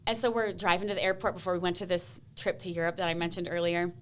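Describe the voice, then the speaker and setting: A woman guest on a podcast, telling stories in a lively way, laughing often and acting out the people in them. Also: fairly low pitch, fast, a little hiss or hum. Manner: animated, laughs often, acts out voices in her stories. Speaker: podcast guest, comedian and speaker. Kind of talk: casual interview storytelling.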